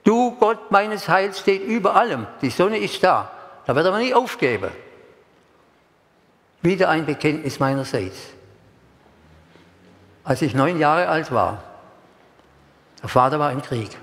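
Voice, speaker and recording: An older man from Germany preaching a sermon and giving personal testimony, speaking slowly and solemnly and repeating words for emphasis. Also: medium pitch. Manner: slow, solemn delivery. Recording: echoey hall, long reverb.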